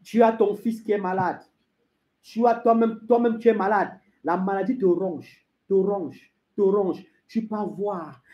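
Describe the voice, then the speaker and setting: Preacher swinging between shouts and hushes. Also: mid-range voice, fairly even intonation, unhurried, dull audio. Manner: emphatic repetition, addresses listener as beloved. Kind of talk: sermon.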